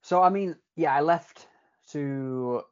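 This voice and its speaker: A podcast guest from England, with a slow, slightly mellow, fairly high voice, speaks with a Yorkshire accent that has picked up a Canadian tinge. He chats loosely, restarting sentences and swearing now and then. The recording is dry and a little muffled.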